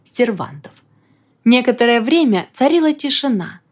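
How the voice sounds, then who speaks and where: Woman narrating an audiobook, lively. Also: mid-range voice, normal speed. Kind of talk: scripted first-person narration.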